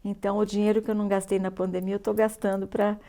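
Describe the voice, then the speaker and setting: An older woman with a Brazilian Portuguese accent speaks as an interview guest. She tells a personal story in a lively way and acts out each line of dialogue. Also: mid-range voice, quick pace.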